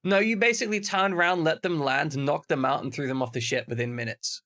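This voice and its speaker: A man's voice: fairly high pitch, brisk, sharp tone. A man narrating as game master of a tabletop game, chatty and full of asides. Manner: explains at length, chatty with many asides.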